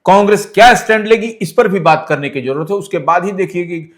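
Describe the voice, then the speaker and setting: A man's voice: high voice, fairly quick. A man analysing politics on a news discussion, explaining at length and emphatically. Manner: explanatory, emphatic, asks listener to decode.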